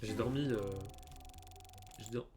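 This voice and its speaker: A man's voice: mid-range voice, slow pace, music in the background. A young man streaming a game, telling a story casually with many fillers and stammers. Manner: animated, stammering, heavy fillers. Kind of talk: casual storytelling over gameplay.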